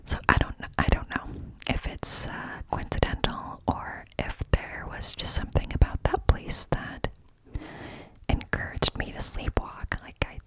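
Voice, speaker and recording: A woman speaks entirely in a breathy, unvoiced whisper, hushed as if everyone else is asleep at night. She tells her story casually, wandering conversationally from thought to thought, cupped close to the microphone in ASMR style. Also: measured pace, rough recording. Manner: hushed, quiet-at-night confiding. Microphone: close microphone with cupped hands.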